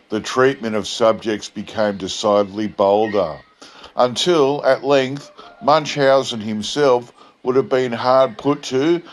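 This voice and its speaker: A man reading a story aloud in a measured, deliberate storytelling manner. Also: lowish voice, low-quality recording. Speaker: reader of a short story. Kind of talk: dramatic storytelling narration of a bush yarn.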